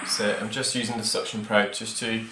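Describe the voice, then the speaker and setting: In an echoey room filled with clear procedure noise, a male ear care clinician gives loose, hesitant commentary on his own videos for viewers. His pitch sits fairly low, his delivery is flat, and he talks a little fast.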